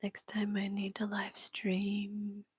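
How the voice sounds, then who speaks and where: Slow, breathy whispering woman. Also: mid-range voice, monotone, dry recording. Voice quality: whispering throughout. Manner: rambling, giggly, self-mocking. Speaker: channel host answering viewer questions. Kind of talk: whispered casual Q&A chat.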